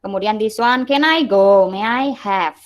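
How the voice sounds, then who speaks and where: A woman's voice: mid-range voice, unhurried, muffled recording. A woman teacher with an Indonesian accent giving an online English lesson, patiently translating each English phrase into Indonesian.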